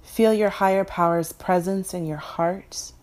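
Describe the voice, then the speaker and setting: Leading a guided meditation, a Floridian woman speaks softly in a slightly low voice. Her gentle instructions come calm and very slow, separated by long pauses.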